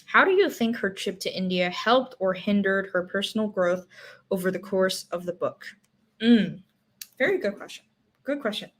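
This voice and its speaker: A woman's voice: medium pitch, animated, normal speed. Casting: young woman, book club host, casual and rambling, mid-range voice. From Singapore. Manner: thinking aloud with many fillers and restarts.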